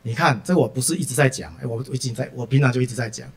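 A middle-aged man preaching a sermon through lively personal anecdotes, full of "ah" fillers. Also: mid-range voice, rapid-fire.

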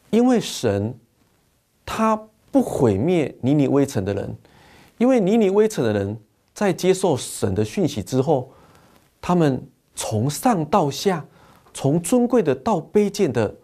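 A man preaching a sermon, telling a parable and exhorting his listeners earnestly, with slow, weighty pauses. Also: a little high, sing-song, dark tone.

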